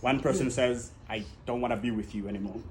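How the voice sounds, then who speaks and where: A man doing stand-up comedy at a convention stage, teasing the audience in an animated, jokey way. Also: medium pitch, quick pace. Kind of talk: stand-up comedy with crowd work. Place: convention stage with a laughing crowd. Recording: crowd noise, roomy hall.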